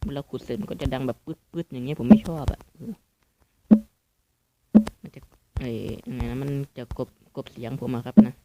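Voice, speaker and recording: A man's voice: mid-range voice, moderate pace, pauses often, heavy background noise. A man hosting a gaming channel, chatting loosely through his game with lots of fillers, recorded on a phone. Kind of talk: casual game commentary. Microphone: playing on a mobile phone, no headphones.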